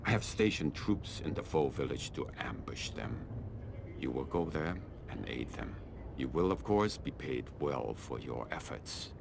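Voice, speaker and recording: In scripted video game dialogue, a stern, calculating army colonel from China speaks formally and deliberately with haughty authority, in a full character voice. His voice is extremely deep with a gravelly creak, the mood grave and commanding. Clear rumbling noise runs underneath.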